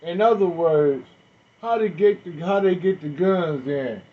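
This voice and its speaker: A man's voice: fairly high pitch, a little slow. A man giving skeptical reaction commentary in a suspicious, insinuating conspiracy-theorist manner. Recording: dull lo-fi audio.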